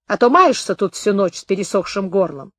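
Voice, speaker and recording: Woman putting on a hoarse gruff wounded soldier, blunt and demanding, dry close recording. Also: medium pitch, expressive, a little fast, fairly bright tone, no echo. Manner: blunt, rough commands.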